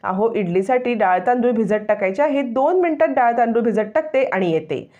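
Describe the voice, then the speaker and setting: A woman's voice: on the high side, lively intonation, brisk, dark tone, close to an everyday voice. A woman reading the lines of a stubborn young wife who politely protests, in a dull lo-fi recording. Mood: protesting.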